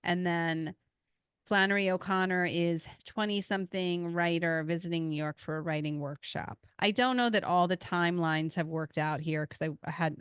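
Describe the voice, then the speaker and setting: A woman's voice: low voice, clean tone, no echo, clean studio sound. A woman hosting a podcast in casual chat, talkative and self-deprecating. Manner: chatty, self-deprecating, laughs often. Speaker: podcast host.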